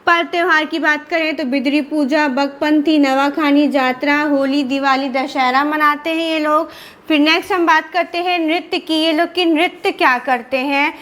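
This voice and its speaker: A woman's voice: high-pitched, steady tone, moderate pace, fairly bright tone. A woman teaching an exam-prep lesson, asking questions and answering them herself while repeating key terms. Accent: Indian Hindi. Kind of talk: classroom lecture with repetition and revision.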